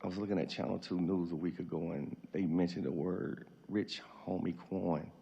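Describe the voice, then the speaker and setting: A middle-aged man with a husky, gravelly voice giving an emotional, tearful farewell speech as a grieving father, halting as he goes. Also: low-pitched, steady tone, dull audio.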